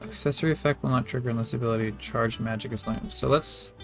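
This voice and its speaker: A man's voice: steady tone, quick pace, fairly bright tone. Male gamer, mid-range voice, unfussy thinking-aloud commentary, faint music bed. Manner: low-key, thinking aloud. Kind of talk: casual game commentary, reading menus aloud. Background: game music with plucked guitar.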